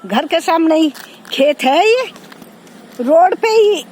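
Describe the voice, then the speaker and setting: A woman's voice: very high voice, expressive, slow pace, darkish tone, poor audio. A woman, chatting casually to viewers while walking around her farm and pointing things out, recorded on a phone outdoors. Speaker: village vlogger. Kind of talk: casual walking tour vlog. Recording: faint outdoor noise.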